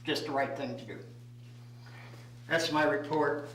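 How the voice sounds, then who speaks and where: An American man speaking as a mayor, giving a plainly spoken report at a formal meeting in a halting way, sometimes repeating words. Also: on the high side, fairly bright tone. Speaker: mayor chairing a city council meeting. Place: indoor city meeting room. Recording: echoey room, distant mic, faint hum.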